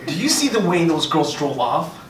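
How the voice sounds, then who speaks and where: A man acting a defensive driver squabbling with his friend, reading in a slow, halting way. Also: fairly high pitch, wildly swooping pitch, over a noisy crowd. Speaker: acting student. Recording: roomy classroom audio from far off, noisy.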